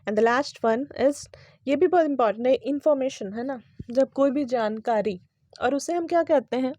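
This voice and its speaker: Lady teacher, spells words out letter by letter, kinda high mellow voice, dry close sound. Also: moderate pace, no echo. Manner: explains patiently, spells words letter by letter, often asks "right?". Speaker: English pronunciation teacher. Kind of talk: casual classroom explanation.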